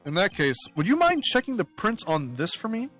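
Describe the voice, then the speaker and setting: A man's voice: high voice, wildly swooping pitch, moderate pace, fairly bright tone, faint music behind, exaggerated voice. A man playing an earnest young lawyer. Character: young male defense lawyer, earnest and nervous. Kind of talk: voiced game playthrough.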